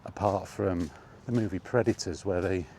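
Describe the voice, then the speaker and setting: A British film vlogger with a deep, dark voice chats casually to viewers at a normal pace, rambling through blunt, opinionated takes with exasperation and dry sarcasm. Faint noise sits in the background.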